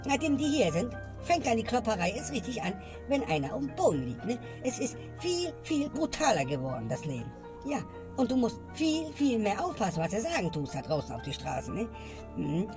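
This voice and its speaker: With her pitch fairly high and swinging widely, this woman rants at an ordinary pace in a comedy sketch. She grumbles and ends each line with "ne?" as a question tag, all over a bed of background music.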